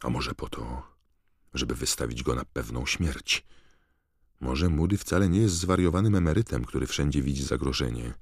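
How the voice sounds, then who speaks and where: A man narrating an audiobook in a measured, dramatic storytelling manner. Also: very deep voice, animated, husky, no echo, clean studio sound. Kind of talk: scripted narration.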